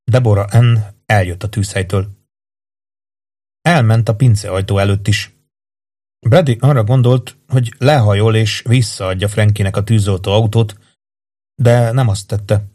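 A man reading a story aloud as an audiobook narrator, in calm, even storytelling. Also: fairly low pitch, long pauses. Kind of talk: scripted narration.

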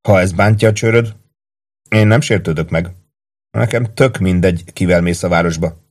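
Man doing a bitter, teasing young soldier, husky and fairly low, audiobook. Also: darkish tone. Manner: mocking, teasing.

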